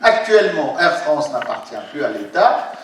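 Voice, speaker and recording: High-voiced man lecturing in an echoey hall. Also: big pitch swings, moderate pace. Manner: hesitant, many fillers and restarts, explanatory. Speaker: university professor giving a lecture. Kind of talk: academic conference lecture. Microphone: distant room mic. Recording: very echoey hall from far off, faint noise.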